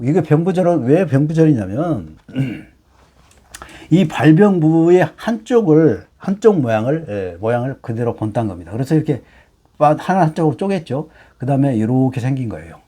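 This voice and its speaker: A middle-aged man teaching hanja in a lecture, explaining slowly with many fillers and rhetorical questions. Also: medium pitch, very animated, warm tone, slightly rough.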